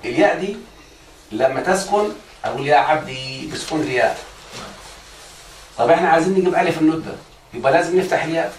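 This teacher, a man with an Egyptian Arabic accent, has a slightly high voice and speaks fast but pauses often as he leads a religious grammar lesson. He keeps checking whether his students are keeping up. The audio is echoey and distant, with faint noise.

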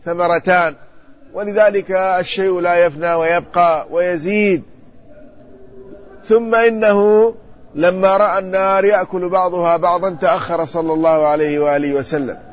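A man, an Islamic scholar, giving a measured classroom commentary on hadith and checking the text with his students. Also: high-pitched, fairly even intonation. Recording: muffled lo-fi recording with faint ambience.

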